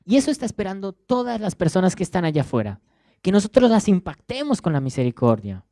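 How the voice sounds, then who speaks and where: A young Argentine man in his twenties, with a Rioplatense Spanish accent, preaches a sermon conversationally, often repeating words as he looks for the next one. His voice is high and warm, swinging widely in pitch, and he talks fast; the studio-quality sound has no echo.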